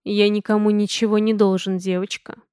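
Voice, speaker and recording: A woman's voice: mid-range voice, fairly even intonation, measured pace, darkish tone, clear, resonant tone, dry recording, clean studio sound, close to an everyday voice. A woman voicing a stern, powerful male mage who speaks in clipped, cold commands.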